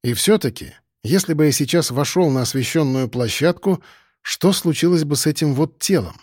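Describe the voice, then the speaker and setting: Brief: male narrator, higher-pitched, musing conversational audiobook reading, dry studio sound. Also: normal speed, a little mellow, dry recording. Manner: conversational first-person telling, musing.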